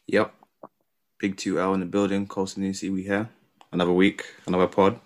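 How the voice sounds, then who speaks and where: Deep-voiced London man, podcast co-host. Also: little pitch movement, fairly quick, slight background noise. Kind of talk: casual chat with London slang.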